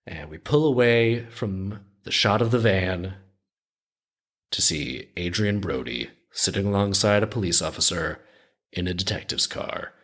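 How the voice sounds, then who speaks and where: A man's voice: low-pitched, animated, unhurried, a bit bright, breathy edge. A man hosting a podcast, casually retelling a story in a conversational way with frequent restarts. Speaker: podcast host.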